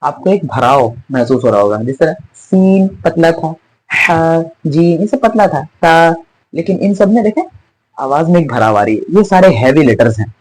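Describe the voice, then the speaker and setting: A man leads an online lesson in a somewhat high voice with a husky edge. He explains patiently, poses questions to the class and answers them himself, repeating each sound for practice. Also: a little mellow, low-quality recording. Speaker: Tajweed teacher.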